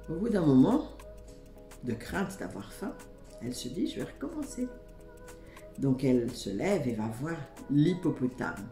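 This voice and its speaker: A woman's voice: a bass voice, darkish tone. A woman from Côte d'Ivoire narrating a folk tale aloud, with chatty asides to her listeners. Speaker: storyteller. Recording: roomy echo, faint music.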